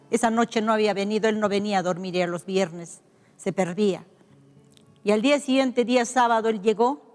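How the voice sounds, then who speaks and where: An older Peruvian woman pastor, speaking Peruvian Spanish, shares her life story as a personal testimony. Her medium-pitched voice is reflective and heartfelt, pausing and restarting, with a long reverb tail trailing behind it.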